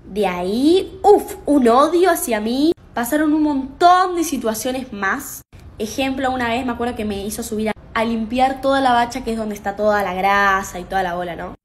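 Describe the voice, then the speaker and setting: A young woman with an Argentine accent and a fairly high voice, rattling off a casual storytime about an old job. She talks fast and animated, full of slang and asides. A faint hiss sits under her voice. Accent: Argentine Spanish. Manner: rapid, chatty, slangy, animated retelling. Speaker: TikTok storyteller.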